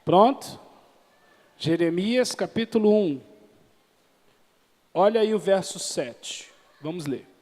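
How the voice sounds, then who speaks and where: A man preaching a sermon as pastor, reading scripture slowly and calling for responses from the congregation. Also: sits high, lively intonation, a little mellow, long reverb tail. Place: church.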